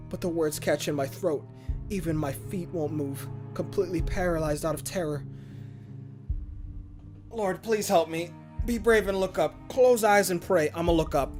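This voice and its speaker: A man with a voice on the high side hosts a gaming video, reading a horror visual novel aloud theatrically and expressively. He adds casual commentary over game music.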